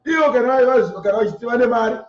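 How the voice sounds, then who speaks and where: Rapid-fire and very high-voiced, a man with a Zimbabwean Shona accent delivers an emphatic sermon that explains scripture line by line, repeating phrases for effect. The recording comes from a distant mic in a room that sounds echoey and muffled.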